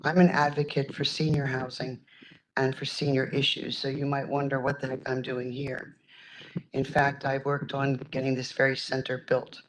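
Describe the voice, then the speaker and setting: A man and local senior-housing advocate reading prepared testimony at a public hearing in a measured way. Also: mid-range voice, completely flat delivery, slight background noise, rough recording. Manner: measured, reads prepared remarks.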